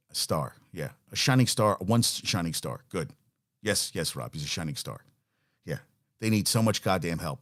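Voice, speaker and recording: Animated, profane male sports talk host. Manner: blunt and profane, with lively swings in pitch. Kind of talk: casual opinionated sports rant.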